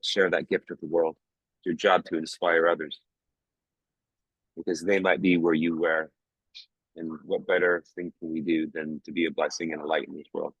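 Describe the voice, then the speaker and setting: Husky deep-voiced motivational coach. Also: male voice, level tone, moderate pace, long pauses, a bit bright, no echo, highs cut off. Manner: emphatic, heartfelt, swears for emphasis. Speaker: coach hosting a group video call. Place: home, in Vancouver. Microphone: video call.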